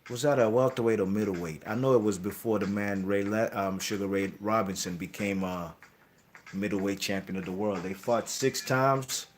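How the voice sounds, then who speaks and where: A man's voice: lowish voice, moderate pace, slight background noise. A man hosting a boxing channel, talking casually about boxing history in a rambling way, correcting himself and tagging lines with "you know what I mean".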